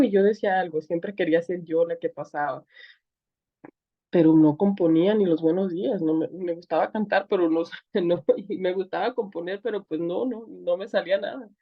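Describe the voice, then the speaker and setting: A woman's voice: mid-range voice, highs cut off. A woman with a Mexican accent, an interview guest giving an earnest, emotional personal testimony. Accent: Mexican Spanish. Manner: earnest, tearful at times, many fillers.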